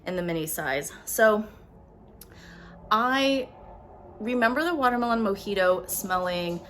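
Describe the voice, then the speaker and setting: A woman doing a casual product haul vlog at home, chatty and upfront, talking quickly to the camera. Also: medium pitch, expressive, fairly bright tone. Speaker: beauty vlogger. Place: at home with windows open. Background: faint household noise, dog walking around.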